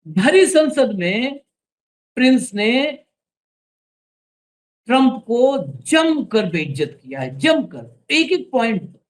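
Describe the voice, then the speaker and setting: A man's voice: high-pitched, rough recording. A man hosting an opinionated news commentary show, speaking in a sarcastic, emphatic way and directing the crew to roll clips.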